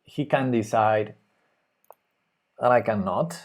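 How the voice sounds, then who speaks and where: Speaking slowly at a fairly low pitch, a Spanish-accented man from Spain provides live commentary while playing chess on stream. He thinks aloud, muttering his moves with hesitation.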